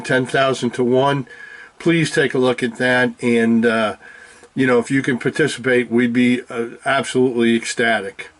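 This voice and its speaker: A man's voice: medium pitch, a bit bright, reverberant. Upbeat folksy man demoing barbecue. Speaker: small food business owner. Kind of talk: cooking demonstration. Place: kitchen.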